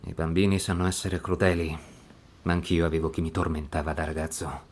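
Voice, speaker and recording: An actor playing a doctor who gently and patiently questions a child about her nightmares in an audio drama. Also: very deep voice, little pitch movement, fairly quick. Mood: gentle. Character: Otto, a gentle male doctor guiding a child.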